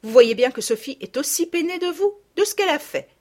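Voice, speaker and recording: A woman voicing a kind, calm grown-up woman who looks after the girls, gentle but firm, in a storybook reading. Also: high voice, fairly quick, voice pushed up. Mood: soothing.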